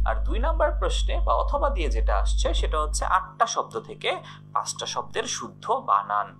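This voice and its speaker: Lively Bangladeshi Bengali male teacher. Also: a little high. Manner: explains step by step, asks and answers his own questions. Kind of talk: exam-prep grammar lesson.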